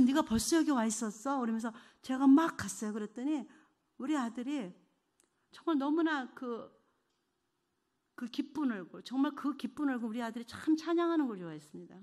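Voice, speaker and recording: A middle-aged woman giving an emotional church testimony, earnest, moving between hushed and fervent delivery. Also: high voice.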